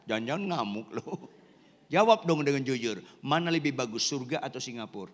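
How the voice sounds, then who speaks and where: Animated joking pastor, hall echo. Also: male voice, mid-range voice, brisk. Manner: animated, joking, quizzing the congregation, shouting at times. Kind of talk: lively sermon.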